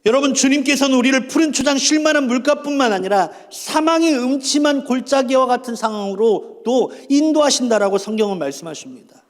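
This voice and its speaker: A man preaching a Sunday sermon in a fairly high voice, firing rhetorical questions at the congregation and calling them to repeat after him. His voice rings out with a long church-hall reverb. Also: expressive, a little fast. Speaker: pastor.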